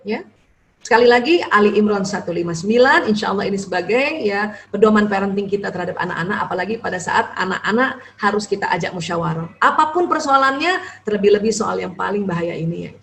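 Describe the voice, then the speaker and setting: A woman therapist giving earnest, instructive religious advice, often tagging her points with a soft "ya". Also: medium pitch, a little fast, a little hiss or hum.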